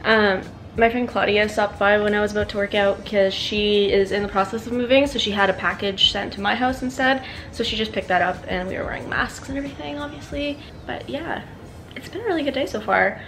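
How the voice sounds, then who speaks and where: A woman's voice: mid-range voice, fairly quick, background noise. A woman vlogging casually at home, chatty and full of "like" fillers. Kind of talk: casual vlog narration. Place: at home indoors.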